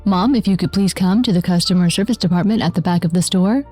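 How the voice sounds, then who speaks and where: A woman doing a mellow store loudspeaker announcement. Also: fairly low pitch, faint music behind. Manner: polite, measured announcer delivery. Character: female store employee paging over the PA.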